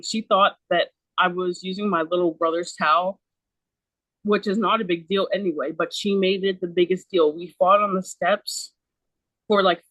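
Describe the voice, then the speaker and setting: A woman's voice: lowish voice, a bit bright, no room sound, poor audio. A woman in her thirties, a podcast guest telling a personal story in a casual, emphatic way, swearing often and leaning on "like" as a filler. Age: 30s. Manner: emphatic, profane, many "like" fillers.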